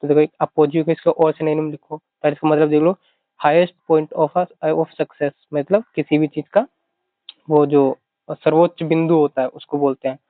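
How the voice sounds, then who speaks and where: This exam-prep vocabulary teacher has a fairly high, flat-sounding voice and talks at a normal speed. He's repetitive, says "theek hai" constantly, and leans on mnemonics, all captured in thin, dry, phone-like audio.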